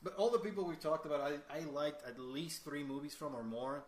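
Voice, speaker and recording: A man's voice: on the high side, brisk. A man chatting casually about films on a podcast, laughing often and talking with fillers and restarts. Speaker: podcast host. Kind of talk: casual chat. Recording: roomy, faint ambient noise.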